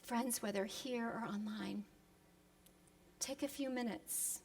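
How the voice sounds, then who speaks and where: A woman with a fairly high voice delivers a solemn, dramatic sermon of reflection in a reverberant hall, where long echoes linger. She is deliberate and pauses for emphasis, her delivery moving between hushed and impassioned.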